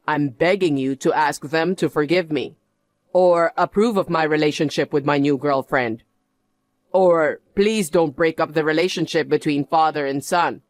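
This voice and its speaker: A man's voice: fairly high pitch, no room sound, lightly acted. A man playing a cowardly cheating husband in a story drama, whiny and pleading.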